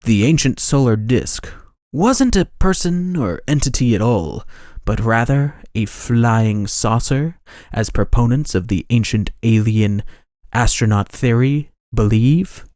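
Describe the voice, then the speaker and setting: A man's voice: mid-range voice, animated, a little slow, no echo, clean studio sound, close to an everyday voice. A man doing a whispery ancient-alien narrator. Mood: mysterious. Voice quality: whispered, airy. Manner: hushed, portentous questioning. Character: breathless male ancient-alien TV narrator, hushed, dramatic.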